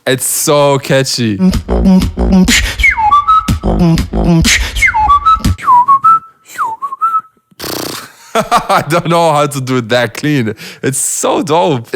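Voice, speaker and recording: Excited young man reviewing beatbox. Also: medium pitch. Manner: gushing, laughs often, tries out sounds himself. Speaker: beatbox analyst and channel host. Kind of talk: enthusiastic reaction commentary.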